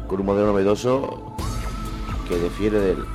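A man's voice: on the low side, normal speed, over music. A man hosting a radio comedy show, reading odd news with crude jokes and constant swearing. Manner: crude, joking banter with heavy swearing.

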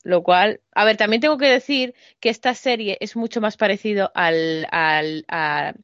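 A woman's voice: mid-range voice, unhurried, fairly bright tone, no room sound, dull audio. A woman chatting casually as a co-host, joking and hesitant, with lots of fillers and restarts. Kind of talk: casual chat.

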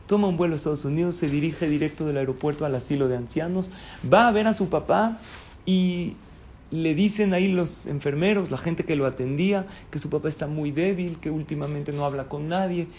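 A man's voice: on the high side, a little fast, darkish tone, a little hiss or hum. A man telling a religious moral story, acting out the characters as he goes. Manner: dramatic storytelling, acts out the characters' pleading.

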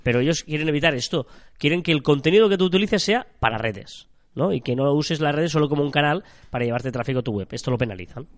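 A man's voice: on the high side, animated, fast talker, no room sound. A man with a nasal, stuffed-up voice from a cold, chatting as co-host of a marketing podcast. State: has a cold.

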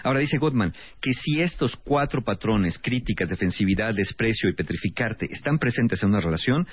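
A man's voice: fairly low pitch, animated, fairly quick, slightly rough, dry recording. A man with a Mexican accent co-hosting a radio talk show, giving emphatic relationship advice. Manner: emphatic, lecturing. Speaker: radio co-host, relationship advisor. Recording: slightly muffled radio broadcast.

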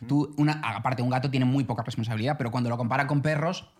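A man from co-hosting a podcast in casual chat, telling stories with lively voiced asides. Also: mid-range voice, fast. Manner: animated storytelling, voices other people in quotes. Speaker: podcast co-host.

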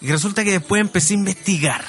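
A man's voice: high-pitched, quick pace, a bit bright, soft background music. A man with a Chilean accent, co-hosting a podcast and telling rambling anecdotes full of slang. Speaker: podcast co-host. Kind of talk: casual storytelling.

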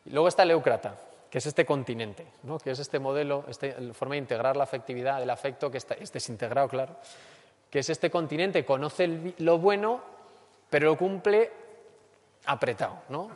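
A man with a Spain Spanish accent giving a lecture and acting out everyday complaints in a lively way. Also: mid-range voice, brisk. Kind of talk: lecture on character education. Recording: long hall reverb.

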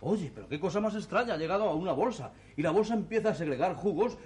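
An actor playing a romantic, dreamy husband who explains things in an insistent, playful way, with a Spain Spanish accent. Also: male voice, sits high, lively intonation, fast talker, a little mellow. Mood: earnest. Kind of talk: 1960s TV stage play acting.

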